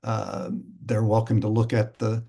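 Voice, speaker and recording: A man's voice: fairly low pitch, monotone, unhurried, vocal fry, dark tone. A man, explaining how his counseling center handles intake in a loose, conversational way with many fillers. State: out of breath. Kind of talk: explaining on a video call.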